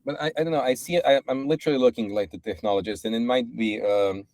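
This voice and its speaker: A Serbian man, a startup co-founder appearing as a podcast guest, speaks fast in a mid-range voice with a darkish tone and no echo. His casual chat is thoughtful, with many restarts.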